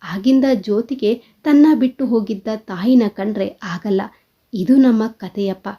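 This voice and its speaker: A woman's voice: mid-range voice, a little slow, husky. A woman voicing an elderly father who talks in a sorrowful, confessional way, in a dull lo-fi recording. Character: elderly father, grieving and tearful.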